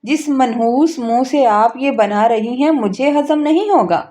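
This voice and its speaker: A spoiled young sister-in-law, put on by a woman narrator, with a raised, mellow voice that snaps out every word in scorn. She sounds rude and sure of herself in this storybook reading. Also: sits high, a little slow. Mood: scornful. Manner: scornful and snapping.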